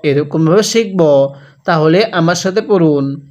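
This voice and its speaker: A man teaching Quran reading with a Bangladeshi Bengali accent, spelling out each syllable slowly, then asking how to read it and repeating it. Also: on the high side, darkish tone. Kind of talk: slow spelled-out recitation lesson.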